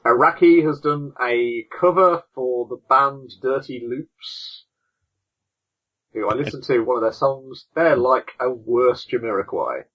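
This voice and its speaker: Podcast host with a tinny, lo-fi voice. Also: male voice, mid-range voice, measured pace, a bit bright. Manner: chatty, rambling while clicking through links. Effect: tinny, lo-fi wrong-microphone sound. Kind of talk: casual chat reading news. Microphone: online call. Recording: tinny lo-fi online call mic.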